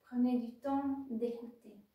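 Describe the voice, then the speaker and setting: Through dull-sounding audio, a woman with a high, steady voice guides a yoga nidra meditation very slowly. She offers short, pausing instructions, recorded on a distant mic in a very echoey room.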